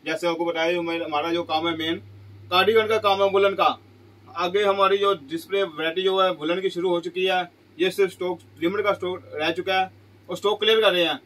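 A middle-aged man pitching goods in a small clothing shop, asking each price aloud and answering it with exclamations. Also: fairly even intonation, brisk, a bit bright, poor audio. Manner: repeats prices as questions, exclaims "wah ji wah". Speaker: shop seller. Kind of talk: sales pitch.

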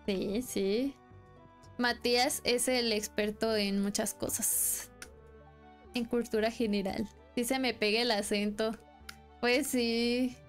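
A young woman with a Mexican accent chats and rambles casually while streaming a game, laughing often. Her voice is fairly high and steady, and she takes her time. Faint music plays in the background.

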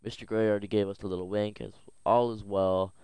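A man's voice: on the low side, flat delivery, quick pace, darkish tone, smooth, no echo, natural voice. A man voicing a conspiratorial company engineer, reading a video game note aloud theatrically. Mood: secretive, urgent.

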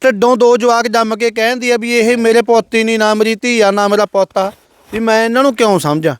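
Brief: Malwa Punjabi male host, high voice, rapid, moralizing. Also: fairly even intonation, clean tone, no room sound. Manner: moralizing, frequent "hmm" backchannels. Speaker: interviewer. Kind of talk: interview questions and commentary.

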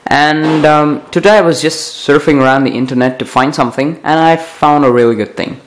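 A young man hosting a casual tech vlog, talking in a halting, rambling way with stretched pauses. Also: a little high, steady tone, slight background noise. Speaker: tech video host. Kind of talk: casual phone software overview vlog.

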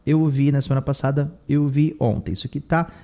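A man's voice: mid-range voice, level tone, quick pace, mellow. A man with a Brazilian Portuguese accent teaching English, translating phrases line by line and repeating words for emphasis. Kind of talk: bilingual lesson explaining English.

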